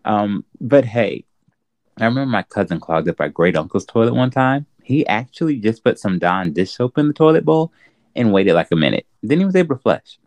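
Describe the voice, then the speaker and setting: A man plays a joking young best friend in an audio drama. His voice is low and gravelly with a lively, bouncing pitch, and it sounds close and dry. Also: brisk, no room sound. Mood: helpful. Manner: laughing, teasing. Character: teasing, loyal young male friend.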